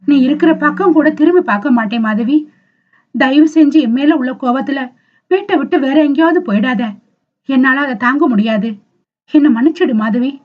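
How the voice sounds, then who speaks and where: A woman's voice: sits high, normal speed, narrow, tinny audio, natural voice. A woman reading the lines of a young man in love who pleads earnestly and tearfully. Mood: pleading.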